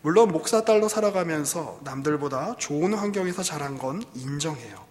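Guy reading out a fed-up 30ish pastor's daughter, pleading, kinda high, big hall echo. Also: animated, brisk, a little mellow, natural voice. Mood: resentful. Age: 30s. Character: frustrated young woman, pastor's daughter. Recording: long hall reverb.

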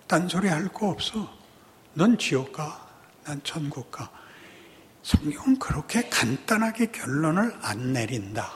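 A man preaching a sermon as pastor, swinging from hushed near-whispers to loud, impassioned outbursts in a dramatic, preacherly way. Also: on the high side. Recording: long hall reverb.

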